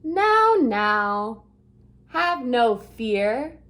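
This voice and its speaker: A woman voicing a playful, show-off male cat in a storybook read-aloud, in a slow, sing-song rhyming delivery. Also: on the high side, big pitch swings, fairly bright tone, exaggerated voice. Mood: boastful. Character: playful male cat in a hat, showing off tricks.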